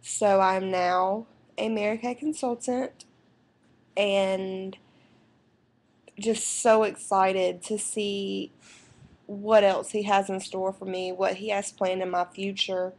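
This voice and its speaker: A young woman with a drawl talks slowly and unhurriedly, drifting from thought to thought with fillers and restarts. Her pitch sits in an ordinary middle range. She is at home, speaking into a computer's built-in microphone. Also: little pitch movement, darkish tone. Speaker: vlogger and new mother. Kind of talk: casual rambling life update. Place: indoors at home. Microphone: computer webcam microphone.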